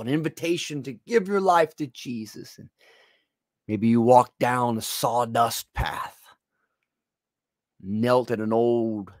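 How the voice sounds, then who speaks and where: A man's voice: medium pitch, darkish tone, no room sound, clean studio sound. A man preaching a televised sermon, speaking straight to the viewer in an earnest, pleading way.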